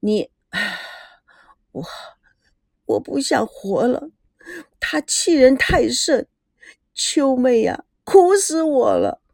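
A heartbroken wife, too weak to speak above a faint voice, as a female narrator plays her. She draws out her words slowly. The sound is dry and close. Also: a little high, darkish tone, breathy edge, no room sound. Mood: despairing. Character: grieving wife, weak and despairing woman.

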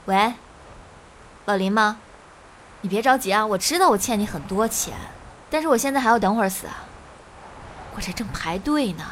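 A woman's voice: mid-range voice, lively intonation, normal speed, pauses often, fairly bright tone, a little hiss or hum, close to an everyday voice. A woman voicing an indebted man about to jump, bickering pushily in a comic audio drama. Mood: fretful. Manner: bickering, pushy.

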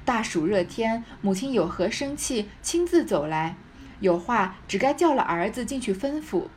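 Deferential middle-aged son, slow and pleading, read by a woman. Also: a little high, big pitch swings, a little hiss or hum.

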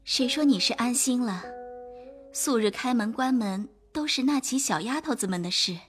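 A woman playing a gentle, forbearing young head maid in an audio drama, speaking softly and patiently. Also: on the high side, fast talker, soft background music, natural voice.

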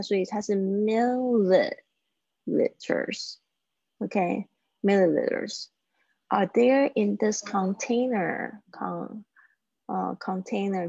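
A woman teaching English phrases in a live-streamed lesson, chatting and slowly repeating phrases for practice. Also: medium pitch, vocal fry, warm tone, husky, dry recording, dull audio.

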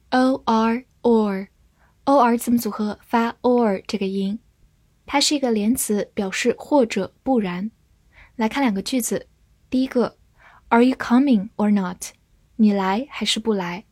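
Slow, clear woman teaching English. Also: a little high, a little mellow, no echo, studio quality. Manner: clear, slow model reading of example sentences. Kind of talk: scripted vocabulary lesson.

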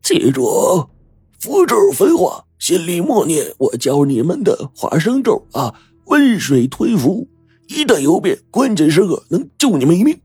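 A man's voice: a little high, wildly swooping pitch, unhurried, a little mellow, slightly rough, dry recording, faint music behind, voice pushed up, heavily acted. A male storyteller voicing an old Taoist master giving insistent instructions. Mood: urgent instructing.

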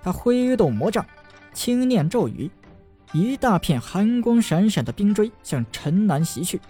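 A male storyteller narrating a fantasy novel in a slightly raised voice. He leans into a lively storytelling manner and draws out the particles at the ends of his sentences. Faint music plays softly underneath. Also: high-pitched, measured pace, slightly rough. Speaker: audiobook narrator. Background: faint background music.

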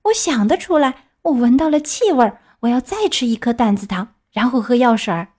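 A woman's voice: a little high, expressive, a little fast, a little mellow, voice pushed up. Pinocchio, a woman doing a whiny puppet boy. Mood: whiny stubborn. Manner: whining, bargaining. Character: naughty boy wooden puppet, whiny and stubborn.

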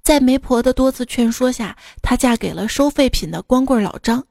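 A woman's voice: sits high, animated, moderate pace, gravelly, a little mellow, dry recording, studio quality. A woman radio host telling cold jokes in a playful storytelling manner, briefly putting on voices for her characters.

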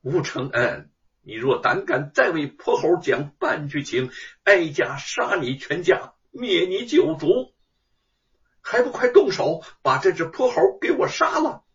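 A male storyteller voicing a haughty, vengeful imperial consort with a shrill, imperious voice. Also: very animated, measured pace, distant mic, dull audio. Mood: furious. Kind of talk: traditional storytelling.

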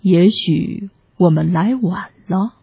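A woman voicing a big, gloomy bear in a children's story, murmuring softly. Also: takes it slowly, gravelly, breathy edge, no echo, muffled recording, exaggerated voice. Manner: murmuring, low-spoken.

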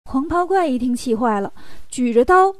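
High, lively woman storyteller. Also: normal speed, no room sound. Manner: lively, playful. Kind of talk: children's story narration.

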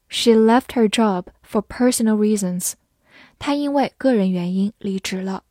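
Female vocabulary teacher, very slow and deliberate, mellow tone, dry recording. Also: on the high side, no echo. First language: Chinese. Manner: spells words letter by letter and reads slowly for repetition. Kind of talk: slow, careful vocabulary lesson.

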